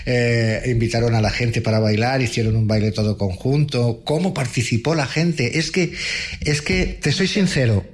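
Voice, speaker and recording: Man in his 50s from Menorca, guest organizer, earnest and rambling, mid-pitched. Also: moderate pace. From Menorca, Spain. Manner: earnest, rambling, rises in pitch when keen. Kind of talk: casual interview talk.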